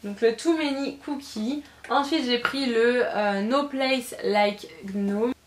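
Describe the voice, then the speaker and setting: A woman's voice: fairly high pitch, takes it slowly. Gushing woman vlogger in an echoey room. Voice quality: gushing, repeats words for emphasis, frequent hesitations. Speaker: beauty vlogger. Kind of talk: casual haul video chat.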